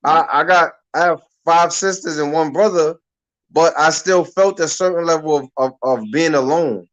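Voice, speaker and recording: High-voiced talk-radio host in his thirties. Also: normal speed, fairly bright tone, poor audio. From Harlem, New York. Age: 30s. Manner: loose, slangy and conversational, often restarting his sentences. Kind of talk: casual radio talk-show chat.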